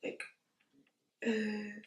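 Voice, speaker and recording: A woman's voice: medium pitch, monotone, extremely slow. A woman chatting through a casual makeup tutorial, giggly and tipsy, playful, slangy and exclamatory. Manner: giggly, tipsy drunk talk. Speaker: beauty vlogger. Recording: echoey room, distant from mic.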